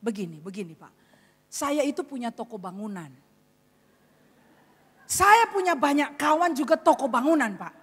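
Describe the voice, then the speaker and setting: Woman playing a loud, eager shop-owner father. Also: medium pitch, lively intonation, fairly quick, husky, voice pushed down. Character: middle-aged male shop owner, eager and blustering. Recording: reverberant church hall.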